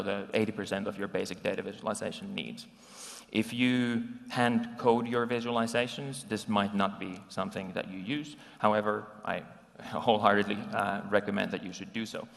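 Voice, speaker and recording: A man from Finland speaks to a conference crowd in a low, gravelly voice. He talks conversationally, pausing with ums and restarting his sentences. The live recording carries the long reverb of a large hall. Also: a bit bright. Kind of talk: conference talk with slides.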